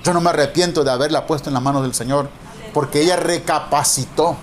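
A middle-aged male pastor preaching a sermon, emphatic and drawing out key words slowly. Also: fairly high pitch, fairly even intonation, a little hiss or hum.

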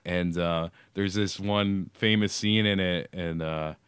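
A man's voice: deep voice, fairly even intonation, takes it slowly, fairly bright tone, smooth, dry recording. Laid-back Canadian man, dry close sound. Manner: laid-back, swears casually, mimics voices in anecdotes. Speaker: podcast host. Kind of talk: casual chat.

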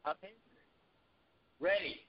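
A man calling in as a podcast guest, speaking into a phone held away from his mouth, so he sounds distant. He talks in a relaxed, plain-spoken way and chuckles now and then. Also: very slow, lo-fi sound, noisy background.

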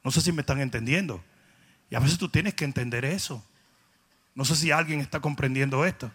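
High-pitched gravelly Dominican preacher. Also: male voice. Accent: Dominican Spanish. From Dominican Republic. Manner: storytelling with comic voices, builds to loud emphatic peaks. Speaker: pastor. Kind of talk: humorous sermon.

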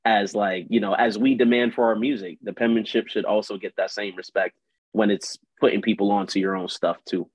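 A husky, fairly low-pitched man talks briskly with fairly even intonation as a guest in a casual interview. He's a musician and writer whose speech is slangy and loose, leaning hard on "like". The recording is close, dry, dull and lo-fi, without room sound.

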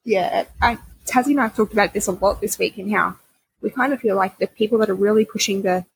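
A woman's voice: mid-range voice, fast talker, gravelly, a little hiss or hum, poor audio. A young woman co-hosting a parenting podcast, agreeable and reassuring in casual chat. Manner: agreeable, reassuring, laughs often. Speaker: podcast co-host.

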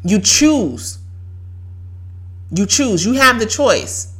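A woman's voice: medium pitch, big pitch swings, very slow, a bit bright. A woman, giving an emphatic, preachy faith talk as a podcast host and repeating lines for effect. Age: 30s. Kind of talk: faith-based motivational talk.

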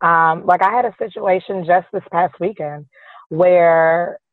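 Raspy, hoarse woman on a phone-like line. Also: on the low side, a little slow, dry recording. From southern United States. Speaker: podcast guest, author and motivational speaker. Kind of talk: conversational interview.

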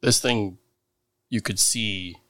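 A man takes part in a tabletop roleplaying game with a fairly low voice. He talks casually, slipping between describing actions and speaking as his character. The recording is close and dry. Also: fairly even intonation, slow pace, sharp tone, dry recording.

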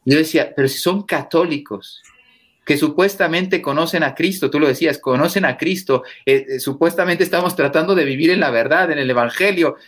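Emphatic priest speaking forcefully. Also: male voice, brisk. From Mexico. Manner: emphatic, forceful, rises in pitch when stressing points. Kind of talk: interview guest, impassioned preaching talk.

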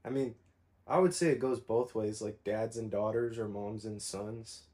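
With a voice on the low side and an ordinary pace, this twenty-something podcast co-host keeps things loose. He chats relaxedly, drifting off topic and leaning heavily on filler words.

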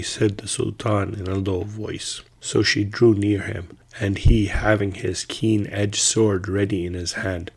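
A man with a low, husky voice reads an old tale aloud in a steady, measured way. His pitch stays flat and even through the narration. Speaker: storyteller. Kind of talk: scripted storytelling reading of an old tale.

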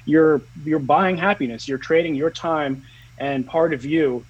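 A man speaking as the founder of a company in a casual interview, earnest, slowing down on key words. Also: fairly high pitch, dull audio.

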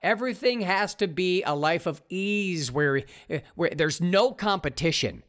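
A man's voice: high-pitched, unhurried. A man hosting a talk show, delivering a sarcastic, opinionated commentary monologue. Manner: sarcastic, mocking, animated.

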